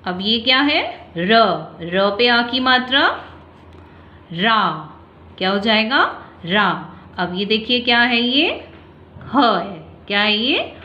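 A woman teaching young children a Hindi alphabet lesson, slow and patient, asking simple questions and stretching out the sounds. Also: a little high, expressive, bright, forceful tone. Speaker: kindergarten teacher. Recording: echoey room, slightly dull sound.

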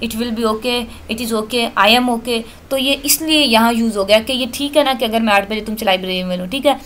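A woman teaching English in a recorded lecture. She reads English text slowly, explains it patiently, and mixes English into her speech. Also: fairly high pitch, a bit bright, slight background noise. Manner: addresses students as children, switches often into English.

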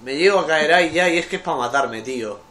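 A man's voice: a little high, lively intonation, quick pace, noisy background. A man from Spain with a Spanish accent casually commentating his game, grumbling and swearing often. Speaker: gamer commentating his own playthrough. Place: indoor room in front of a TV. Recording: roomy, loud game music from a television. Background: loud game music and sound.

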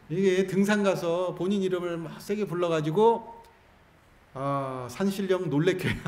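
A man's voice: fairly high pitch, a little mellow. A man, a Buddhist monk, giving a Sunday dharma talk and coaxing his listeners through call-and-response practice with jokes. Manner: playful, coaxing, jokes with the audience. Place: temple hall. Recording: roomy hall with faint ambience.

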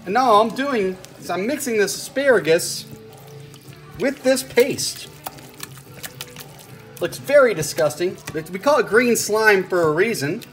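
A man's voice: high-pitched, animated, unhurried, pauses often. A middle-aged man talks through a recipe at his kitchen counter, folksy and step-by-step. He is heard from a camera a few steps away, with faint music underneath at times. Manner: folksy, step-by-step explaining while stirring. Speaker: home cooking show host. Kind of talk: casual cooking demonstration. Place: home kitchen indoors.

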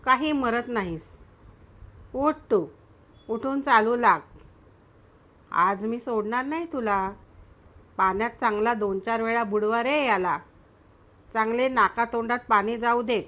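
A woman's voice: a little high, a little slow, pauses often, fairly bright tone. A woman voicing a stern, scolding village mother in a storybook reading, her tone commanding.

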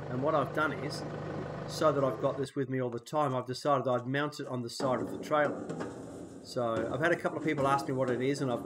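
An Australian man with a nasal voice from a cold, casually explaining a homemade trailer tool outdoors. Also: mid-range voice. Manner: relaxed, plain-spoken explaining. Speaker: DIY maker. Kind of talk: casual how-to narration. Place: outdoors on a dirt road. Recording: loud outdoor noise behind the voice.

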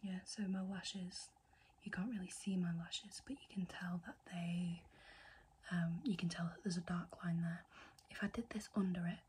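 A woman's voice: fairly low pitch, steady tone, normal speed, a little mellow, slight background noise. A young woman whispering a chatty ASMR makeup tutorial, rambling and often correcting herself. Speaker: ASMR creator.

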